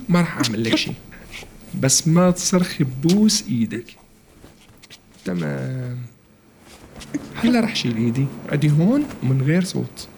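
Brief: actor as Syrian burglar, gruff yet gentle, gravelly, lively pitch. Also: male voice, a little hiss or hum. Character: nervous male burglar, gruff but gentle. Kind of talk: scripted drama acting.

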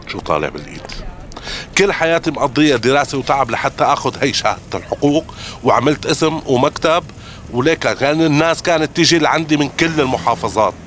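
A man's voice: fairly high pitch, fast, fairly bright tone, a little hiss or hum, close to an everyday voice. A middle-aged man with a Levantine Arabic accent playing a weary displaced father and former lawyer, hesitant and apologetic.

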